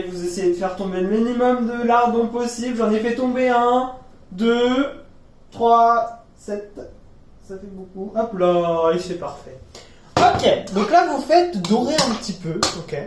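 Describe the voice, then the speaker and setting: A man's voice: high voice, darkish tone, slight background noise. A young man vlogging while cooking at home, rambling chaotically with self-mocking, swearing asides. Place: home kitchen. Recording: echoey kitchen with sizzling pan. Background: frying and sizzling food, stirring.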